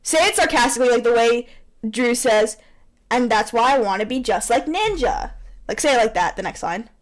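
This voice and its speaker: Animated and on the high side, a woman's voice moves at normal speed through a playful fan fiction read-aloud mixed with casual banter. She plays it theatrical, bossy, and giggly, recorded on a poor amateur mic.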